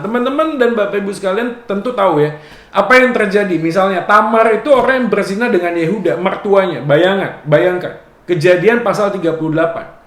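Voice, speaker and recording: A man with a high voice preaches a relaxed Bible exposition and drops little jokes along the way. He keeps tagging his phrases with a casual "ya", and a roomy echo hangs around his words. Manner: casual and joking, often adds "ya". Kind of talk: conversational Bible exposition sermon.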